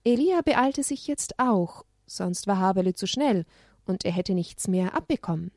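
A woman reads a children's Bible story aloud in an even, storytelling manner. Her voice sits at a middle pitch. The recording is dry and close, with no room sound. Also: a little slow, no echo. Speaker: narrator.

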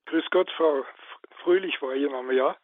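A man's voice: fairly high pitch, moderate pace, no echo. A man calling in to a radio show, earnest and hesitant, with many fillers. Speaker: caller. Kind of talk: phone-in call. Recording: tinny dry phone line.

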